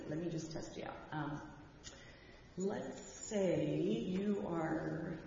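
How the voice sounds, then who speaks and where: A woman giving the children's message in church, gently asking the kids questions and leading them through gestures. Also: lowish voice, a little hiss or hum. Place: church sanctuary. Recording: echoey hall from far off, dull.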